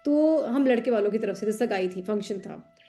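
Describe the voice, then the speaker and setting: A woman in casual group chat, telling stories with lively acted-out dialogue, mixing Hindi and English. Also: mid-range voice, a little fast, faint music behind. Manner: animated storyteller acting out dialogue. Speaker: tarot student.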